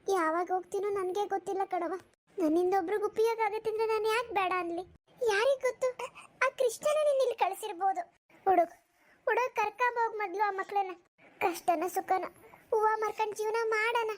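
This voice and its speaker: A woman's voice: extremely high pitch, brisk. A woman voicing a kindly, lonely old village grandmother in a cartoon, talking in a rustic, motherly, consoling way. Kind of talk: cartoon voice acting.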